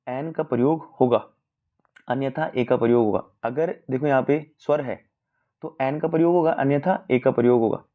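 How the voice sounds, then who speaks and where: Gravelly man teaching a grammar class. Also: mid-range voice. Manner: quizzing listeners with questions he answers himself. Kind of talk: exam-prep grammar lesson. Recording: dull lo-fi recording.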